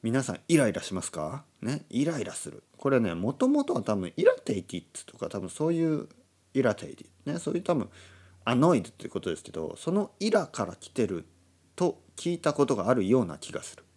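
A man from Oita, Japan, hosting a relaxed solo talk for learners, explaining slowly and glossing words in English. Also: medium pitch, husky. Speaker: podcast host. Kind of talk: casual monologue for Japanese learners. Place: indoors at a table.

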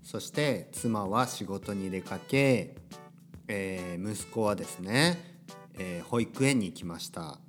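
Man, 30s, podcast host, unscripted teaching talk, rambling, deep, very animated pitch. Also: slow pace, faint music behind. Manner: rambling, drifts off topic, tags sentences with "ne". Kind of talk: unscripted podcast monologue for learners. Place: at home. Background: washing machine running.

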